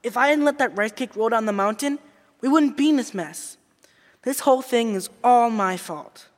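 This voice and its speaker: A performer voicing an eager, anxious young boy who talks quickly and excitedly. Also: medium pitch, big-room sound, lightly acted.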